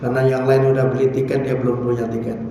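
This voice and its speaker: A man preaching a dawn sermon in a mosque, lively and teasing, asking the audience questions and swinging between high stresses and low mutters. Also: fast, heavy reverb, in a large hall, noisy background.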